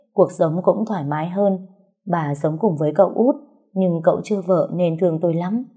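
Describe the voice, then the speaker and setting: A woman narrating a first-person story in a calm, somber, steady way. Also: fairly low pitch, breathy edge, narrow, tinny audio.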